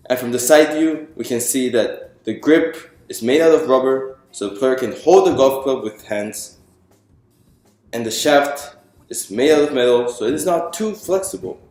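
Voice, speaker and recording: A man with a mid-range voice reads his own picture book aloud to an audience at storytime in an echoey room. His manner is explanatory and presentational, and he poses questions to his listeners.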